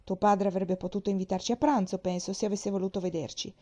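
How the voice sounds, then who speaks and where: A woman's voice: medium pitch, steady tone, fast, mellow, close to an everyday voice. A woman reading an audiobook who voices a breezy, good-natured young husband in an easygoing, jovial way.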